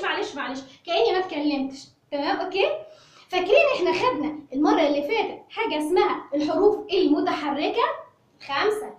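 A woman with an Egyptian Arabic accent teaching English to children, playful, with sing-song chants. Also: very high-pitched. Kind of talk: children's lesson. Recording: very echoey room, mic far off.

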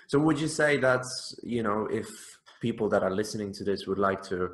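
A man in his thirties, a host and teacher trainer, speaks earnestly at a normal pace in a lowish voice, running an interview and introducing things to camera. He records on a webcam in a small indoor room that sounds echoey.

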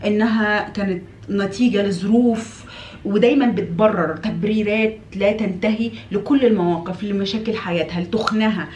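A woman with an Egyptian Arabic accent giving direct advice to women as a relationship coach. She scolds, repeats phrases for emphasis and acts out quoted wives with big pitch jumps. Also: steady tone, moderate pace, a little mellow, echoey room, highs cut off, slight background noise.

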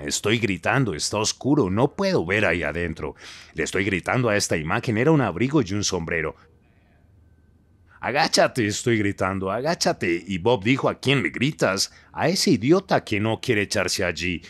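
A man's voice: deep voice, fairly bright tone, no room sound. An older man being interviewed, telling blunt, crude stories full of quoted dialogue. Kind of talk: storytelling interview.

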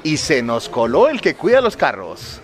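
A man co-hosting a comedy interview with dry, deadpan questions, outdoors on a balcony. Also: on the high side, moderate pace, noisy background. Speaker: comedy co-host.

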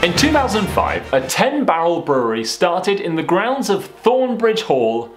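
A young British man hosts a beer vlog, reading a scripted piece straight down the lens. His voice sits a touch high and swings animatedly, with cheeky asides. The small room rings noticeably and light music plays underneath. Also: a little slow, roomy sound. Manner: lively, playful asides. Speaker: beer vlogger host. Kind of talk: scripted enthusiastic presenting to camera.

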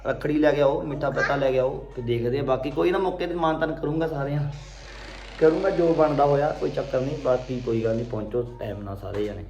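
A young man with a Punjabi accent and a mid-pitched voice chats to viewers as a vlog host. The room is echoey, with faint noise behind him. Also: steady tone, fast, dull audio. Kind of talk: casual vlog talk to viewers.

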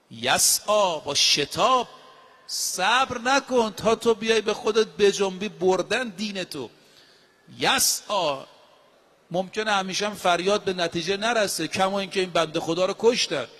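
A man's voice: high-pitched, pushed and bright. A male preacher giving a sermon, emphatic, with rhetorical questions and repeated phrases. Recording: long hall reverb.

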